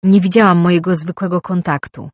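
A narrator voicing a wary, sharp-tongued young woman who gives brisk directions in a slightly raised voice. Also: mid-range voice, fairly even intonation, dry recording, clean studio sound, lightly acted. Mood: urgent.

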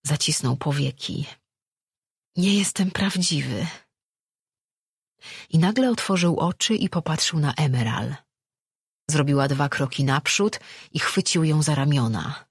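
A narrator reads a fantasy novel aloud in a steady, measured way. The voice is slightly husky and sits close and dry, with no room sound. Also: medium pitch, no echo. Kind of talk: audiobook reading.

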